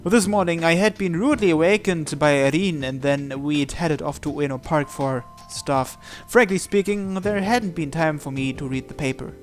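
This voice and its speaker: A higher-voiced man hosting a video reads a visual novel aloud dramatically, voicing both narration and dialogue and acting out the protagonist's lines. He keeps a moderate pace with hardly any pauses, and music plays behind him.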